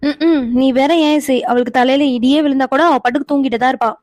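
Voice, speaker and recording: A woman voicing a bossy young woman in a cartoon who scolds and nags, sharp-tongued. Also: sits high, steady tone, fast talker, dry recording, natural voice. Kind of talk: cartoon voice acting.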